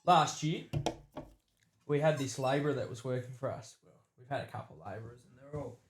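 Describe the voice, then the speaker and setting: Australian podcast host in an echoey room. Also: male voice, medium pitch, a little fast. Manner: laid-back, swears, tells workplace stories. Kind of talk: casual pub-style banter.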